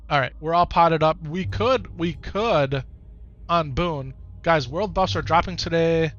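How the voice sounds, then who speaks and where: Talking to his audience while he plays on stream, this Wisconsin man speaks with an Upper Midwest accent and tends to say things more than once. His voice runs on the high side, fairly bright and a little slow, and the sound is lo-fi.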